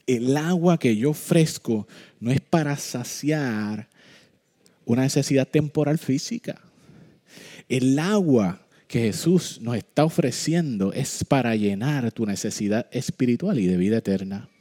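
A man preaching a sermon, joking and animated at times, then slowing into solemn, deliberate points. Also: mid-range voice. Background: soft piano music.

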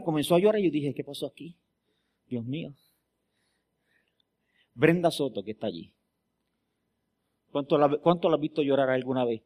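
A male pastor with a notably high voice delivers a sermon. He rises into loud, emphatic declarations, then drops into hushed, close storytelling. He keeps drawing the congregation in with questions. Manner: swings from loud emphatic preaching to quiet storytelling; asks the congregation rhetorical questions.

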